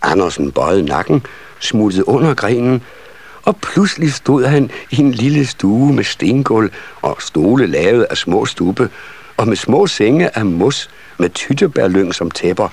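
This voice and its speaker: A man narrating a Danish children's Christmas story in an expressive storybook manner. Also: fairly low pitch, slightly rough. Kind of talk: storybook reading.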